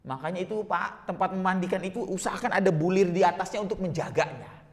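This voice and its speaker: A man's voice: high-pitched, quick pace, long reverb tail. A man giving a religious lecture, telling vivid stories and constantly addressing his listeners as sir. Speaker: religious teacher.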